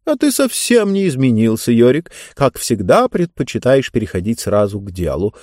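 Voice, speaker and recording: A chatty talking book with a knowing, confiding way of speaking, as a man reads her lines. The voice is raised above his own and swings widely in pitch. It is warm and mellow, and recorded close and dry. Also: normal speed, no room sound, lightly acted. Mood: sly. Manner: lively, confiding storyteller tone. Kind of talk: audiobook character voice.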